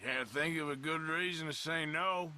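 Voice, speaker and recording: An actor playing a laconic, sardonic American cowboy in an Old West video game, terse and dry. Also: male voice, a little high, moderate pace, sharp tone. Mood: dry, reserved. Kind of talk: video game western acting. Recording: very noisy outdoor horse and hoof sounds.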